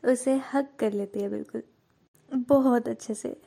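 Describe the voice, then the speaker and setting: A woman's voice: fairly high pitch, steady tone, unhurried, vocal fry, warm tone. A woman storyteller casually narrating a romance in a chatty, conversational way.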